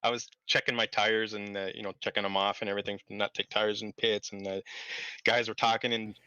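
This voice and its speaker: A man's voice: on the low side, flat delivery, a little fast, bright, forceful tone, clean tone, dry recording. A man from Canada talking casually and easily as a driver being interviewed, over a dull voice link.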